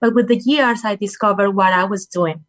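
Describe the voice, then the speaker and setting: In a rough recording with no room sound, a Colombian woman in her forties delivers an earnest personal talk on well-being as a guest speaker. She speaks directly to listeners at a normal pace in a mid-range voice, using English with a Colombian Spanish accent and non-native phrasing.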